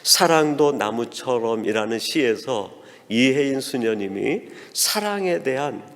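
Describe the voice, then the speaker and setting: A man preaching a sermon as pastor, telling a story and acting out quoted dialogue in a softer voice. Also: medium pitch, animated, unhurried. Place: church sanctuary. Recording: long reverb of a church hall.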